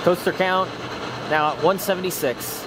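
A theme park vlogger with a high-pitched voice talks at a moderate pace, filming an off-the-cuff vlog outdoors in an amusement park. He makes short, matter-of-fact remarks into his handheld camera mic, and the surroundings are very noisy.

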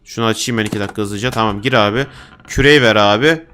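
A man giving casual gameplay commentary, excitable and slangy, yelling at game characters and then dropping to mutters. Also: lowish voice, fast, slight background noise. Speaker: gaming streamer.

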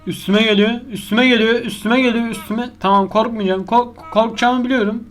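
A man's voice: very high-pitched, steady tone, brisk. A man giving live horror gameplay commentary as a YouTuber. He swears constantly, yelps when scared and argues with the game's monster. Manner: crude, swears a lot, talks to the game's monster.

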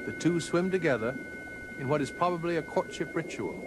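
A man narrating a scripted nature documentary in a measured, formal storytelling manner. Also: on the high side, lively intonation, background noise. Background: background music.

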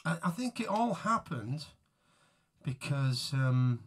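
A man's voice: mid-range voice, big pitch swings, slow. A man chatting casually to live viewers between songs, rambling and self-mocking as he greets people by name. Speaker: musician hosting a live tribute stream.

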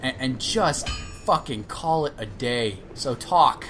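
A woman's voice: a bass voice, animated, slow pace, fairly bright tone, soft background music. A woman giving gameplay commentary, ranting and swearing at herself and the game as she plays. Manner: profane, ranting, talks to herself. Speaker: let's play gamer.

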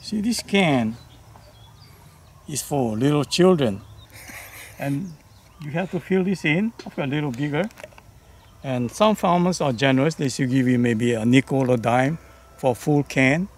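A man's voice: medium pitch, animated, a little slow, pauses often, a little hiss or hum. An older man, a museum docent casually reminiscing outdoors on a farm, with folksy asides. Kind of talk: casual storytelling.

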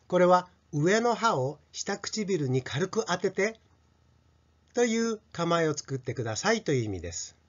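Male teacher, middle-aged, lively swinging voice, demonstrates sounds slowly for kids. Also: a little high. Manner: slow, drawn-out sound demonstrations. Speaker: English teacher. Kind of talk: pronunciation lesson for children. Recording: dull lo-fi recording.

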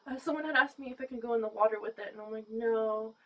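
A woman's voice: a little high, fast. A woman vlogger chatting casually through a gas mask, rambling with lots of fillers and little laughs. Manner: chatty, many fillers, giggly. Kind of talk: casual rambling chat to camera. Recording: dull lo-fi sound.

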